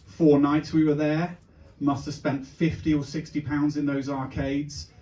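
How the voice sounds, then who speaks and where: A man's voice: fairly high pitch, level tone, unhurried. A man, doing a stand-up comedy set and chatting with and teasing the crowd. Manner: chatty, teasing the crowd, shouted voices for the punchlines. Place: comedy club stage before a live audience. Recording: echoey club recorded from a distance.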